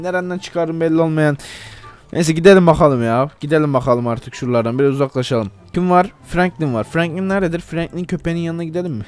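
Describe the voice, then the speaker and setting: A man giving casual, playful commentary over his own gameplay, joking and talking straight to his viewers. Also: a little high. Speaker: gameplay video host.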